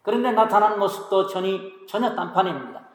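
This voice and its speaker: A male pastor delivering a sermon, posing rhetorical questions and answering them, with sharp swings between loud emphasis and quiet asides. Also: high voice, animated, brisk. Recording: echoey hall.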